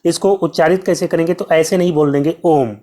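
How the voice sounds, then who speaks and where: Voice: medium pitch, fairly even intonation, a little fast, dark tone. A Hindi teacher giving an exam-prep lesson, drilling points by asking questions and answering them, with the filler "जो है" in almost every sentence. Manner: heavy use of filler "जो है".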